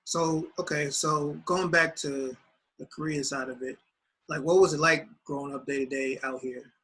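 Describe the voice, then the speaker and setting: A man's voice: fairly high pitch, fairly even intonation, moderate pace, a bit bright, husky. A man hosting an interview, opening with an upbeat greeting and asking loose, rambling questions. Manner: upbeat, loose, fillers and restarts. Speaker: interviewer and host.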